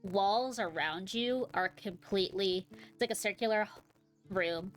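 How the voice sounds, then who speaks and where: A woman narrating a tabletop game as game master, slow and rambling, with lots of filler words. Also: mid-range voice, soft background music. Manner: rambling, full of "like" and "um", unhurried.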